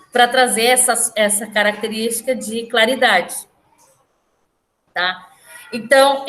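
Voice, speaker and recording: A woman's voice: fairly high pitch, fairly bright tone. A woman with a Brazilian Portuguese accent, a teacher explaining a lesson patiently and often checking that the class follows.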